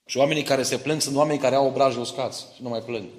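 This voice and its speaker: A man's voice: medium pitch, fairly even intonation. A middle-aged man preaching a sermon in church. He tells stories from his family and explains Bible verses, often asking the congregation whether they follow him. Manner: personal stories mixed with Bible teaching, asks listeners for agreement. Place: church hall. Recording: echoey church hall.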